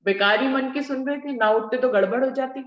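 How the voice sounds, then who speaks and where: A woman leading a devotional scripture discussion, explaining verses slowly and repeating key phrases for emphasis. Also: high-pitched, reverberant, muffled recording. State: slightly unwell. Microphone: video call.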